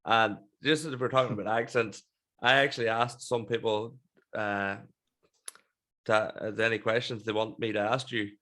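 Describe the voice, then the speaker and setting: A man's voice: lowish voice, fairly even intonation, normal speed, sharp tone. A young man with a Northern Irish accent hosting an informal, sweary podcast interview into a close mic. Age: young adult. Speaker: podcast host. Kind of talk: casual interview chat. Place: small room at home, on a video call. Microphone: close desk microphone with headset.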